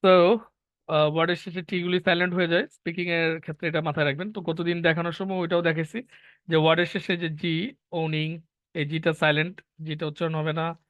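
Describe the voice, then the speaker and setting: A man's voice: a little high, little pitch movement, fairly quick, dry recording. A man teaching an online language class, explaining step by step and asking his students questions. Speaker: English teacher. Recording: dull lo-fi online class audio.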